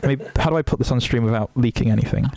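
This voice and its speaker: A man's voice: mid-range voice, racing, gravelly, crowd noise. A young man, streaming from his desk and chatting casually, swearing freely and interrupting himself. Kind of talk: casual livestream chat.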